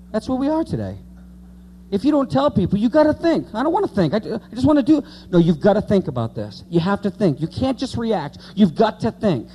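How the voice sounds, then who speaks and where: Slight background noise accompanies this late-thirties preacher, whose voice is high and mellow. He delivers an informal evangelical sermon in a conversational way, repeating key words to drive points home.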